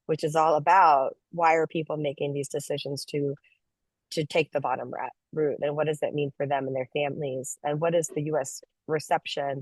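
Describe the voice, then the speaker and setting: A woman's voice: low voice, darkish tone, no echo. A woman hosting an online interview and presenting slides, speaking in a friendly, loose way with many ums. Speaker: interview host and advocate.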